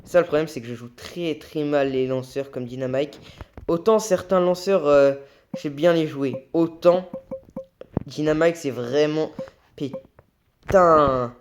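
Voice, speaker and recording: A man doing casual gameplay commentary as an excitable, raging gamer who swears. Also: a little high, measured pace, slight background noise. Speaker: gaming video creator.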